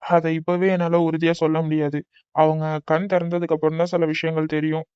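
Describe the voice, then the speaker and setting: A man voicing a calm cartoon doctor who reassures a worried family member. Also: on the high side, fairly quick, smooth, no room sound, close to an everyday voice. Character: calm male hospital doctor. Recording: dull dry recording with faint music.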